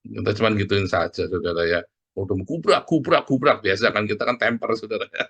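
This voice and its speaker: Animated man preaching casually. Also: brisk, husky, muffled recording. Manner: animated, conversational, with jumps in pitch and frequent asides to the congregation. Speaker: pastor. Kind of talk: casual sermon.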